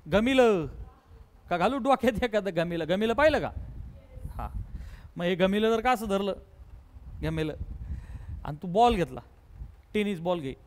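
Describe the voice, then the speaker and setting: A man teaching physics to students, mixing in English terms and quizzing them with rapid, repeated questions and playful everyday examples. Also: high voice. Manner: mixes English terms into his talk. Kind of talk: classroom lesson.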